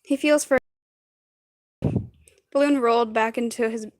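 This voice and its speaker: A woman with a high voice reads a story aloud at an unhurried pace, breaking off to chat with her stream. She giggles often and trips over words, heard close and dry with no room sound. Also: steady tone, a little mellow, no room sound. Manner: giggly, stumbles over words and chats with viewers between lines. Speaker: streamer reading fan fiction aloud. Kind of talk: casual livestream read-aloud.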